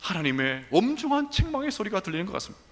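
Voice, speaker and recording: A man's voice: sits high, big pitch swings, very fast. A male pastor preaching a sermon, telling the story dramatically in a church sanctuary. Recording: long church reverb.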